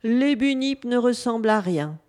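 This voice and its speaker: A woman's voice: a little high, animated, a little slow, a little mellow. A woman doing a curt, busy man. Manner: curt, dismissive.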